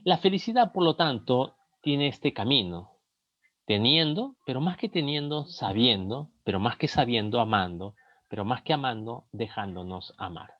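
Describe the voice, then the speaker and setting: A man's voice: medium pitch, lively intonation, normal speed, no room sound. Peruvian guy teaching a class, reads lyrics out to explain stuff, dull dry recording. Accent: Peruvian Spanish. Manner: didactic, explains song lyrics by reading them aloud. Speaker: lecturer. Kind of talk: recorded lesson.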